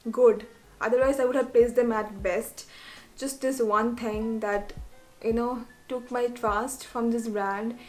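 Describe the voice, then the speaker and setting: A young woman with an Indian English accent talks straight to camera in a fairly high voice, casual and quick with her asides. Faint music plays softly under her voice. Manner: chatty, laughs between points, quick asides. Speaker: skincare vlogger.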